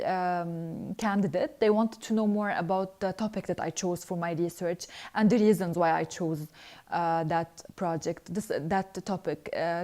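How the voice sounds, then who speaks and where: In a live online Q&A, a young scholarship alumna with a mellow, medium-pitched voice reads out viewers' questions and then responds. She comes across as earnest and hesitant, filling frequent pauses.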